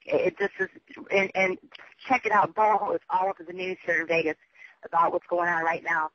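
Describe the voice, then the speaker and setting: Someone leaves a rambling, urgent phone voicemail, repeating themselves, speaking emphatically and swearing often. The voice is mid-range and steady, with a brisk delivery and dry sound. Recorded over a telephone, the voicemail comes through muffled and dull.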